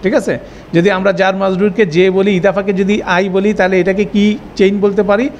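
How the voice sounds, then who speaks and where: Guy with a high voice teaching grammar in class, keeps asking if you got it. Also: flat delivery, a little fast, lo-fi sound, a little hiss or hum. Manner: explains step by step with frequent check-ins. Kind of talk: classroom lecture.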